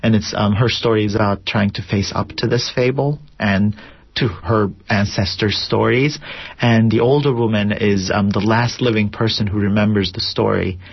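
A man's voice: fairly low pitch, steady tone, moderate pace, gravelly, slightly rough, dry recording. A man from Turkey, a theater director, answering interview questions in a thoughtful, reflective way with many fillers. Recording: dull lo-fi radio broadcast.

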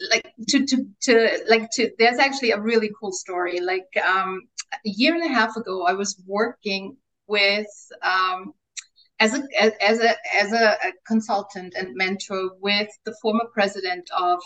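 A middle-aged native German speaker with an Austrian accent chats as a life coach in a casual interview, animated and laughing often. She repeats words as she begins her thoughts, speaking at normal speed with a medium-pitched voice, though the audio quality is poor.

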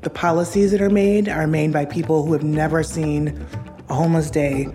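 Very deep-voiced earnest woman. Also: steady tone, normal speed, warm tone. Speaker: agency staff member. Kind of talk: interview. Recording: music clearly underneath.

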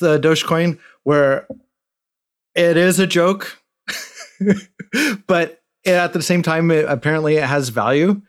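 A middle-aged man hosting a podcast, chatting casually and telling rambling stories. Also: a little high. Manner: rambling, animated storytelling. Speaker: podcast host. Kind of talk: casual chat.

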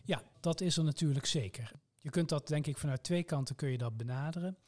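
Measured Dutch man explaining calmly. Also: a little high. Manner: measured, formal, explains with precise terms. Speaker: medical oncologist guest. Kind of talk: explanatory interview answers.

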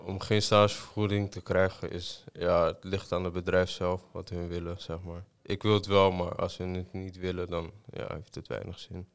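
Deep, flat-voiced young man. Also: normal speed, hardly any pauses, clean tone. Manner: hesitant, many fillers. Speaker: student. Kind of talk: casual chat.

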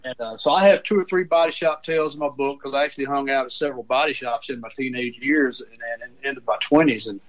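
A man's voice: mid-range voice, quick pace, few pauses. Older man on muffled speakerphone. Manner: rambling, restarts often. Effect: heard over a phone speaker. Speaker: author and storyteller. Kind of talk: folksy storytelling.

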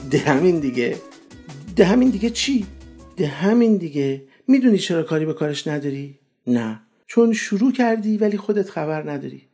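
A man reading a story aloud, changing his pitch for each character and dropping low for the narration, with faint music underneath. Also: mellow. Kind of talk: storybook reading with acted voices.

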